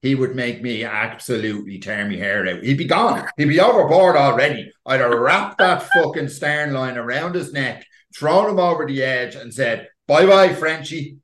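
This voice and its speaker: A man's voice: medium pitch, moderate pace, few pauses, a bit bright, a little hiss or hum. An Irish-accented man hosting a podcast, chatting casually with emphatic, sweary exaggeration. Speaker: podcast host. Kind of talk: casual gossip chat. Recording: roomy, echoey sound.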